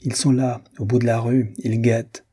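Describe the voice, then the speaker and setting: A man's voice: medium pitch, little pitch movement, moderate pace, dark tone, slightly rough, natural voice. A man voicing a jealous, bitter official husband in an audiobook reading, sneering and brooding. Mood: anxious. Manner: sneering, then nervous and brooding.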